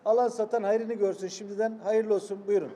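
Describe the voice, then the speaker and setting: A man's voice: sits high, fairly even intonation, fairly quick, mellow. A man hosting a public auction, making formal, courteous announcements to the participants. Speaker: auction host. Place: large hall at a public auction. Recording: reverberant hall, faint noise.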